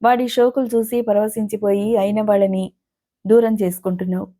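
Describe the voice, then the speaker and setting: A man's voice: high voice, flat delivery, moderate pace, dark tone, lightly acted. A woman voicing a jealous, angry young man who scolds and sneers, in a storybook reading. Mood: bitter. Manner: bitter, accusing, sneering.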